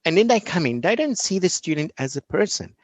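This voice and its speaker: Energetic man, very animated. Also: high voice, fairly quick, no echo. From South Africa. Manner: energetic, animated storyteller acting out classroom dialogue. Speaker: online English teacher and guest. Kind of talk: casual interview chat.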